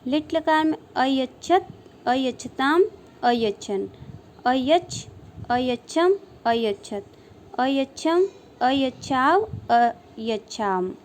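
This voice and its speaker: Slow, high-voiced woman teacher reciting. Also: animated, a little hiss or hum. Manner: slow, measured recitation of verb forms. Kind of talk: recited grammar lesson.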